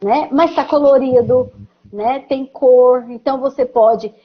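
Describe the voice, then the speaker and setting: High-voiced Brazilian woman on a call. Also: unhurried, breathy edge. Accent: Brazilian Portuguese. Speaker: psychologist. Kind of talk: casual advice chat on a video call. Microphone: video call. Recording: lo-fi video call audio.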